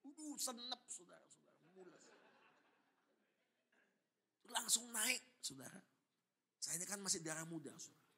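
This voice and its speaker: Dramatic husky pastor telling a story. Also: male voice, high-pitched, animated, normal speed, pauses often, pushed and bright. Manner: storytelling, dramatic, repeatedly addressing the congregation. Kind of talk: sermon. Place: church.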